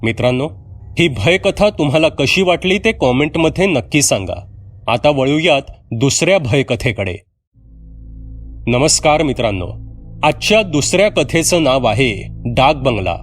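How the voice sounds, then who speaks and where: A man narrating a horror story in the first person, measured and steady, with acted dialogue. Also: medium pitch, faint music behind.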